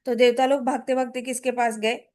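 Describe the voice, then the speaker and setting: A woman's voice: fairly high pitch, little pitch movement, brisk, a little mellow. A woman telling a scripture story in a casual, playful way, slipping in English phrases.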